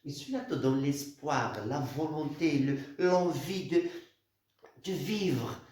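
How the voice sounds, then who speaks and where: Halting male teacher explaining a poem, slightly high voice, booming echo of a bare room. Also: darkish tone. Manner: halting, repeats words, stresses key phrases. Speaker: literature teacher. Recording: very echoey room.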